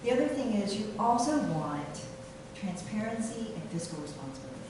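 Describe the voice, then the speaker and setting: A middle-aged woman, a city council candidate from Taiwan, giving a halting campaign speech full of fillers and restarts. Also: mid-range voice, very animated. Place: meeting room. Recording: echoey room from far off, noisy.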